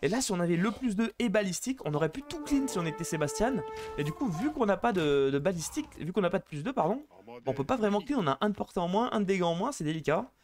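A man casting a live strategy game match, chatty and excitable, bantering with viewers between plays. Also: high voice, fast, soft background music. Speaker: esports caster.

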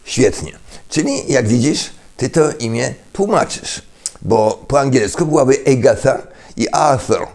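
Older man, gravelly voice, lecturing tone, halting speech with fillers, rhetorical asides. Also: medium pitch, expressive, darkish tone. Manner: hesitant, many fillers and restarts, rhetorical questions. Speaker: political commentator. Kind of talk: lecturing monologue.

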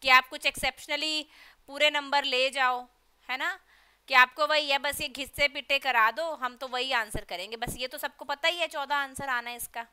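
A woman teaching an English literature class online, quizzing students and pushing them to answer quickly. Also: sits high, steady tone, bright, forceful tone.

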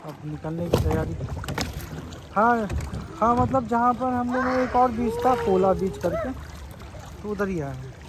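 Man on a phone call outdoors, lively pitch. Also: unhurried, pauses often. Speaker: vlogger on a family trip. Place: outdoors at a lagoon beach. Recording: loud outdoor noise.

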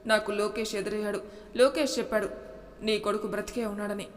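A woman's voice: medium pitch, level tone, brisk, natural voice. Vinitha, a woman voicing a desperate young mother. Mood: accusing. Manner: pleading, tearful. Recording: reverberant room with faint noise.

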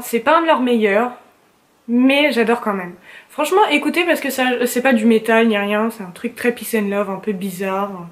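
A young woman chats casually to camera about her favorite things, gushing and full of slang and fillers. Her voice sits a little high. She talks from a room at home. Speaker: vlogger.

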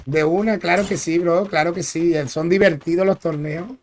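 Male gaming streamer, high voice, slangy and casual, shout-outs to viewers, noisy recording. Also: fairly even intonation, normal speed. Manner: chatty, greets viewers by name, slangy. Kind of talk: casual live-stream chat while gaming. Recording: clear background noise with clicks.

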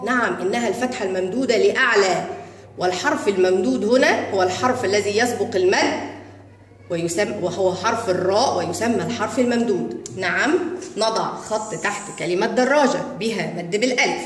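A woman's voice: medium pitch, slight background noise. Arabic teacher woman in an echoey room. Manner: slow, drawn-out sounding of syllables; addresses children directly as friends. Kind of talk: children's phonics lesson. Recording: echoey room with long reverb.

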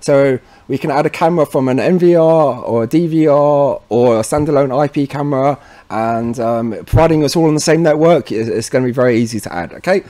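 In a warm, medium-pitched voice and at a slightly quick pace, a man gives a casual instructional walkthrough. He's chatty and informal, often checking in with whoever is listening.

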